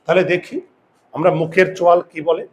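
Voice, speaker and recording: A man teaching a grammar lesson who sounds out vowels slowly, repeats words and asks his students questions. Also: high-pitched, level tone. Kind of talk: classroom lesson.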